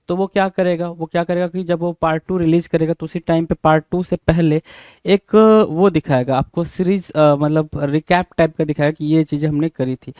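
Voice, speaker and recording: A man's voice: a little high, a little mellow, smooth, no echo, clean studio sound. A man teaching English vocabulary for exams, spelling words out letter by letter and prompting students with rhetorical questions. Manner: keeps asking "bhai?" as a rhetorical prompt. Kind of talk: exam-prep vocabulary lesson.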